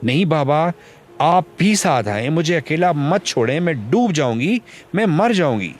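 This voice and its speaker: A man's voice: lively intonation, lightly acted. A man voicing a frightened little girl who pleads and sobs on a sinking ship. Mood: terrified pleading. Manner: pleading, sobbing, high and pressed.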